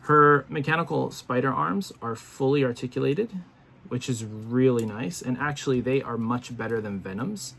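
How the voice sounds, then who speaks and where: A man's voice: medium pitch, normal speed, gravelly, a bit bright. A man casually reviewing action figures to camera, chatty and rambling with lots of fillers and restarts, sounding tired and yawning. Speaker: toy reviewer.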